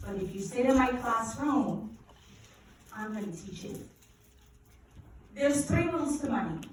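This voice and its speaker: Her pitch leans high and her delivery is unhurried as this Guyanese finance educator energetically quizzes a church audience during a live money seminar, in the manner of a preacher. The recording, taken from a distance in a large echoing church hall, has a touch of hiss or hum.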